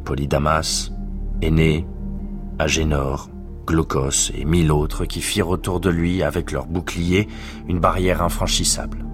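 A man reading a literary narration in a measured, solemn way. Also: very deep voice, little pitch movement, over music.

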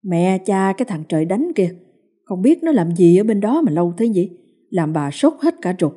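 A woman's voice: very animated, moderate pace, warm tone, husky. A woman voicing a foul-mouthed, panicked middle-aged village mother who curses and shrieks for help. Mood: fretful grumbling. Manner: cursing, shrill and panicked.

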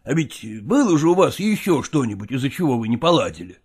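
A man playing a pragmatic older merchant father who coaxes his daughter in a dramatized reading, with a husky, gravelly voice and folksy persuasion. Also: mid-range voice, very animated, brisk, darkish tone. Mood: coaxing.

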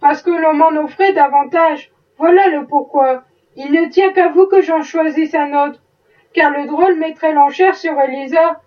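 Femme lisant un planteur gêné et évasif. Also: female voice, high voice, measured pace. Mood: defensive. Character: male plantation owner, middle-aged, evasive, embarrassed. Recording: muffled, distant mic.

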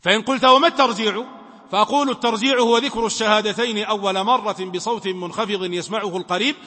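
A man's voice: high-pitched, fast talker, bright, forceful tone. A man teaching a religious lesson as a sheikh. He speaks emphatically, posing questions to his students and answering them himself. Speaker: sheikh teaching Islamic law. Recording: long reverb from a hall.

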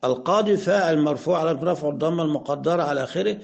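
Man, Egyptian accent, grammar lesson, gravelly voice, slightly high pitch, asks and answers his own questions, slows down on example sentences. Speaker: Arabic grammar teacher. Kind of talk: explanatory lesson.

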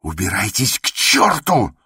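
A man voicing an overwrought country doctor who shouts in a cracking, trembling voice. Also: lowish voice, huge pitch swings, measured pace, slightly rough, no room sound, clean studio sound, voice pushed up, exaggerated voice. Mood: furious. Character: overwrought middle-aged male country doctor.

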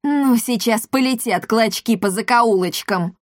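A woman's voice: fairly high pitch, a little slow, no room sound, clean studio sound, close to an everyday voice. Woman doing a furious hot-headed tomcat pilot. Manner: shouting, threatening. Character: hot-tempered aggressive male cat pilot.

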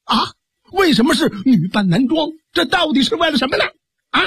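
A man voicing a shrewd, quick-witted middle-aged hero who talks briskly and commandingly. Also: extremely high pitch, very animated, a bit bright, no echo, clean studio sound, voice pushed up, full character voice. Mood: urgent.

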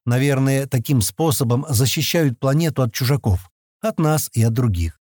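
A man reads a wary, scheming space fugitive who boasts about his exploits. The voice is mellow and dark, with animated pitch swings. It is recorded dry and close. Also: normal speed, no echo, natural voice. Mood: boastful.

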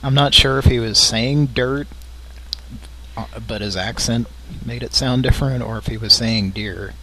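A man's voice: medium pitch, moderate pace, bright, forceful tone, slight background noise. A man co-hosting a late-night stream, making prank phone calls in a mild, polite, persistent way. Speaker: prank caller and co-host.

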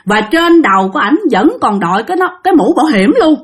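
Lively Southern Vietnamese woman telling stories. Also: on the high side, fast. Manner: chatty, addresses listeners directly, acts out quotes. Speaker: storyteller. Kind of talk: spoken ghost story narration.

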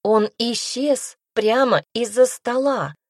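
A woman's voice: medium pitch, lively intonation, normal speed, no room sound, studio quality, voice pushed up, close to an everyday voice. A woman reading an audiobook aloud, voicing an anxious and stubborn young village girl who pleads and insists. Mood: insistent, worried.

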